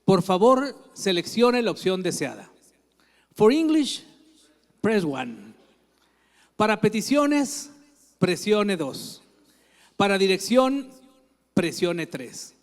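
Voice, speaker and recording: A cheerful automated answering machine recites its menu in a high, even-paced prompt voice, as a preacher puts it on. The voice carries a long reverberant hall tail. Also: male voice, slow pace, long pauses, heavily acted.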